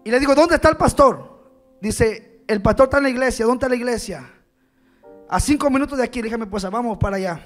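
A man's voice: extremely high pitch, fast, faint music behind. A male pastor, preaching a sermon in a church and telling a story, acting out the dialogue and calling out to the congregation.

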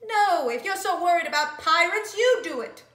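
An actress playing a dry, fed-up young woman who talks in a deadpan, dismissive way, in a comedy sketch. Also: very high voice, normal speed, reverberant, heavy background noise. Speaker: actor.

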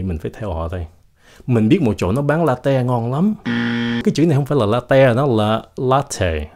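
A man whose first language is Vietnamese, teaching English pronunciation in a casual video lesson, slowly and deliberately demonstrating each word. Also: fairly low pitch, a little mellow. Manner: slow, deliberate demonstration of words.

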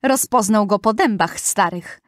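A woman narrating a rhyming fairy tale for children, reading the verse in a gentle, measured way. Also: mid-range voice, no echo, clean studio sound. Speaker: storyteller.

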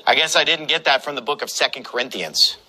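A man's voice: mid-range voice, quick pace, bright, forceful tone, slightly rough, low-quality recording. A man pastor preaching a sermon in a combative, mocking, emphatic way.

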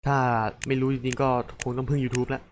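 A man playing a horror video game, thinking out loud, swearing casually and blurting out startled reactions. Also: medium pitch, completely flat delivery, fairly quick, noisy background. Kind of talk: let's play commentary.

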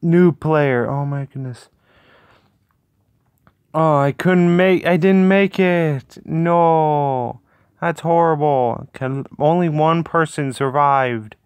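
A man commentating on his gameplay in a slightly high, clear voice. He is casual and excitable, repeats short phrases, and leaves lots of space between them, in a dry recording. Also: slow, no room sound. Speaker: gaming video host.

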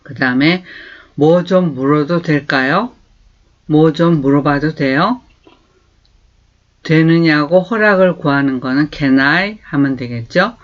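A man teaching English to beginners and seniors, saying each phrase slowly several times and explaining it in Korean. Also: a little high, dull audio. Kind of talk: slow, patient English lesson for seniors.

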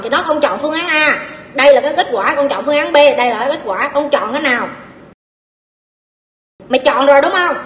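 A high-pitched woman with a Southern Vietnamese accent delivers blunt, scolding advice to her audience, talking straight at them with no softening. Her voice rings out in an echoey hall with a long tail, and a faint hiss of background noise sits underneath. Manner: blunt, forceful, scolding lecture with coarse address. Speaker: life coach answering audience questions. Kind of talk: livestream Q&A advice talk.

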